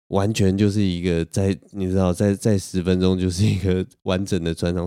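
Low, mellow-voiced man chatting. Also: clear, resonant tone, dry recording, studio quality. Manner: rambling, self-mocking, with frequent laughs and restarts. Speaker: podcast host. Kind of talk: casual storytelling chat.

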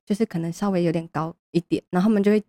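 A woman's voice: fairly low pitch, steady tone, very fast, warm tone, no echo. A woman chats casually in Taiwanese Mandarin with a slight Japanese tinge. Her manner is girlish and gushing, prone to giggles. The sound is dry and close, with little room on it. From Keelung, Taiwan. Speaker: podcast guest, shop staffer. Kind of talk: casual chat.

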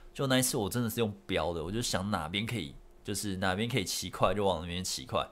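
A man's voice: low voice, fairly bright tone. A young man with a Taiwanese Mandarin accent, chatting casually on his solo podcast in a rambling, self-correcting way. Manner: rambling, self-correcting storyteller with frequent laughs. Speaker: podcast host.

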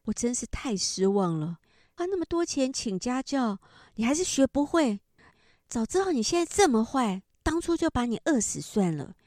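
A woman voicing a furious, despairing middle-aged mother who wails and hurls accusations at her son. The mother's lines are raised high and loud against the speaker's own calmer voice. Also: normal speed, dry recording, studio quality. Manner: shrill, wailing, accusing.

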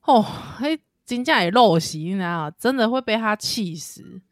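A woman in her thirties with a Taiwanese Mandarin accent, co-hosting a casual chat and telling lively stories about being a mother. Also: medium pitch, moderate pace, no echo, studio quality. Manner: animated storyteller, laughs a lot, acts out a crying child. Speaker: podcast co-host, mother.

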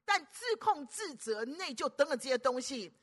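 A middle-aged woman preacher, delivering an animated sermon full of rhetorical questions to the congregation. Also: sits high, moderate pace. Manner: animated, keeps asking the audience rhetorical questions; acts out anxious inner voices and conversations.

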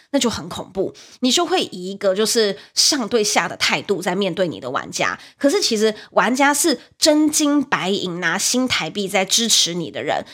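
A young woman with a Taiwanese Mandarin accent, hosting a podcast and telling a story in a chatty, animated way, with many fillers and repeats. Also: medium pitch. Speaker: podcast host, livestreamer. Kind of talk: casual storytelling monologue.

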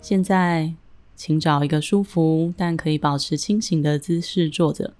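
A woman leading a guided breathing and relaxation meditation in a calm, gentle, soothing manner with deliberate pauses. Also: low-pitched, faint music behind.

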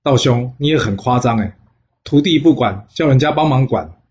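A man's voice: mid-range voice, lively intonation, normal speed, a little mellow, lo-fi sound, natural voice. A storyteller with a Taiwanese Mandarin accent voicing a genial, teasing old Taoist immortal man. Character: amused elderly male Taoist immortal.

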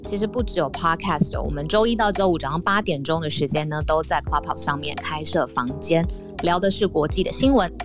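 A woman's voice: low-pitched, fairly quick, over music. A woman with a Taiwanese Mandarin accent co-hosting a morning news podcast, chatting casually with frequent giggles. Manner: giggly, lively back-and-forth. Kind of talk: casual chat.

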